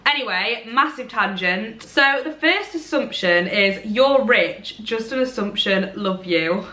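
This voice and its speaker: A young woman in her twenties from Derbyshire, England, vlogs to the camera indoors in a bright room at home, chatting in a casual, rambling, self-deprecating way with an English Midlands accent. Her medium-pitched voice is animated, pushed and bright, at a measured pace. The recording is reverberant and low-quality.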